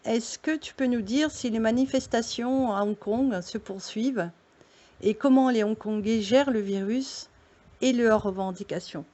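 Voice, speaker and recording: A woman's voice: fairly high pitch, measured pace, warm tone, muffled recording. A woman hosting a show, greeting viewers in a chatty way and asking interview questions. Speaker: host.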